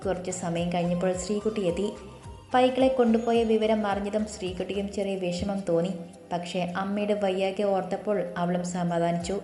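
A woman narrating a story in a calm, even storytelling voice. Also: mid-range voice. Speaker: audiobook narrator. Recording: roomy echo with faint music.

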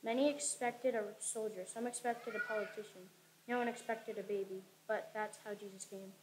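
A woman's voice: mid-range voice, steady tone, normal speed, a little mellow, slight background noise, poor audio. Woman reading a church story aloud. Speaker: Advent reader. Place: church sanctuary stage.

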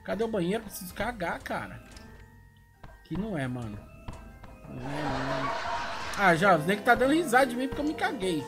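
A middle-aged Brazilian man giving casual, excitable gameplay commentary full of slang and exclamations, recorded in a room at home. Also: high-pitched, a little fast, pauses often. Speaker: gaming video host. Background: music.

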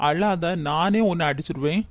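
A woman's voice: on the low side, normal speed, no echo, close to an everyday voice. A woman voicing a young female relative who coaxes and comforts a crying bride in a cartoon. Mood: coaxing. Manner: coaxing, gently firm.

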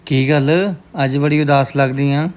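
A man's voice: medium pitch, completely flat delivery, moderate pace. A man playing a brother on a call from abroad in an amateur short film, reassuring and homesick.

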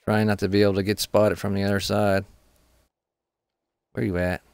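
A man's voice: on the low side, level tone, normal speed, a little mellow, smooth. A man giving casual, profane commentary while playing a shooter game, complaining constantly and frustrated. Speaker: gameplay commentator.

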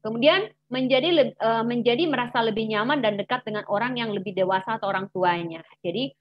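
A woman's voice: fairly high pitch, fast, no echo, dull audio. A woman teacher giving a chatty informal lesson to teens, full of fillers and acted-out taunts. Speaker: teacher giving an anti-bullying talk.

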